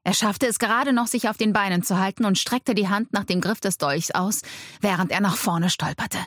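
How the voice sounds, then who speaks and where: A woman's voice: medium pitch, normal speed, a bit bright, no echo. Woman narrator, dramatic first-person storytelling, dry close sound. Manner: dramatic, tense delivery. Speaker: audiobook narrator.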